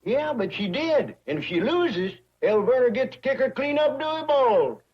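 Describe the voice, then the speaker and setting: A man playing a blunt, deadpan young hillbilly relative with a drawl, in 1960s sitcom style. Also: very high-pitched, normal speed, a little hiss or hum. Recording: dull TV audio with faint music.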